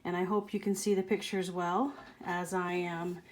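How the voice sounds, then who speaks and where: A woman storyteller reading a picture book aloud for children over home video, gently, with whispered asides. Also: fairly low pitch, little pitch movement, moderate pace, a little hiss or hum. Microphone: webcam or phone video.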